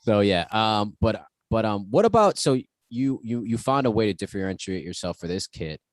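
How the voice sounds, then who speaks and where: A man co-hosts a podcast in a very deep voice. The sound is dry and close, with no room around it. He eases in with hesitant "um"s before asking a long, careful question. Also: lively intonation, normal speed, dry recording. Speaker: podcast co-host. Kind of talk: casual podcast chat.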